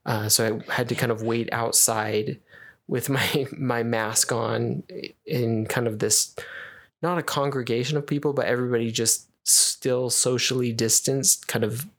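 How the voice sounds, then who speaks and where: Man, 30s, podcast co-host; relaxed, rambling delivery with frequent fillers, mid-range voice. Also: mid-range voice, measured pace. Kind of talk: casual chat.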